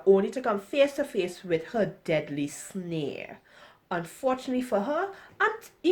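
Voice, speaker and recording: A woman reading the first chapter of her own novel aloud, expressive and storytelling, with chatty asides. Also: mid-range voice.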